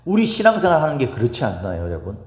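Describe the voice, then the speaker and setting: A male pastor delivers a sermon with a widely swinging, expressive pitch. He keeps turning to the congregation with rhetorical questions. His voice rings through a roomy hall with a long reverb tail. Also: racing. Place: church sanctuary.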